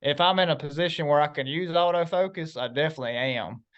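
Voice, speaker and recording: A man's voice: a little high, quick pace, a bit bright, highs cut off. A man with a Southern US accent casually explaining things as a guest with practical tips. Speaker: guest giving self-filming tips.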